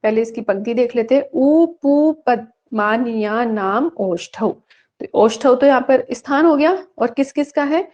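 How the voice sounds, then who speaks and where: A woman gives an online exam-prep lecture in a slightly high voice. She asks questions and answers them herself, and she chants the rule lines slowly. The audio is dull and lo-fi. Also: warm tone. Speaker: Sanskrit teacher.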